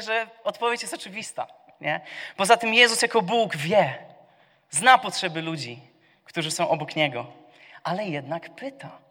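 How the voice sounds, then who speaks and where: A man preaching a sermon, asking his congregation questions and answering them himself, moving between quiet asides and loud cries. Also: high voice. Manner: swings from soft to loud, shouting the cries. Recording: long reverb of a church hall.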